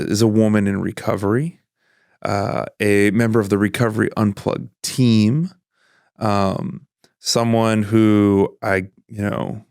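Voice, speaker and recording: A man's voice: fairly low pitch, creaky, darkish tone, no room sound, clean studio sound. A man hosting a casual podcast interview, rambling and restarting his sentences, often laughing. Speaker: podcast host.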